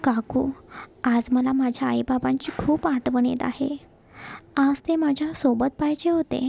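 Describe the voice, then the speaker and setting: Woman reading a soft sweet young bride, high and gravelly. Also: fairly even intonation, measured pace, full character voice. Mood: tender. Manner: soft, obedient. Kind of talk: storybook narration.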